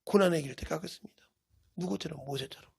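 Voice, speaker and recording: A middle-aged male pastor from South Korea, preaching emphatically and swinging between loud bursts and hushed asides. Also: fairly high pitch, fast talker, gravelly, husky. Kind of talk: sermon.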